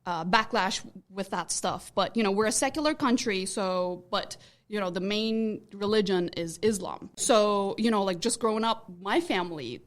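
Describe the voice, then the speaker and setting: A woman's voice: mid-range voice, normal speed. Turkish-accented woman telling her story. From Turkey. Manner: rambling, circles back to restate points. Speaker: podcast guest. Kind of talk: casual chat.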